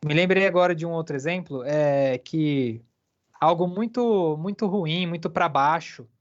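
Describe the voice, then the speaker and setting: Live interpreted lecture, halting delivery, filler pauses, mid pitch, dull lo-fi stream.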